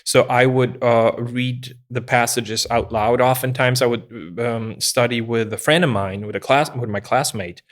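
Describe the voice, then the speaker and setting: Man, halting restarts. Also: medium pitch, steady tone. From Poland. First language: Polish. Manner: hesitant, many restarts and fillers. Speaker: podcast guest. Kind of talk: casual interview chat.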